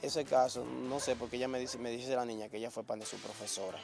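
A man's voice: medium pitch, level tone, fast, vocal fry, music in the background. A man, the father of a victim, retelling events in a rambling, agitated way during an outdoor street interview.

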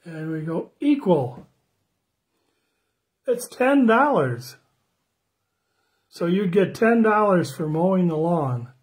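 An older man in his sixties giving a children's sermon on a phone livestream, slow and friendly, greeting viewers by name and asking the kids questions. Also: high voice, very animated. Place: small room indoors at home. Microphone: phone camera close up.

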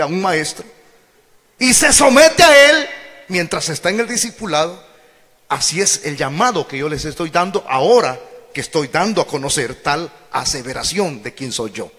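Delivering a sermon to his congregation, this pastor has a bright, high male voice whose pitch moves lively across a wide range. He alternates loud, shouted proclamations with slow, low phrases, and a big hall gives everything a long, echoing reverb.

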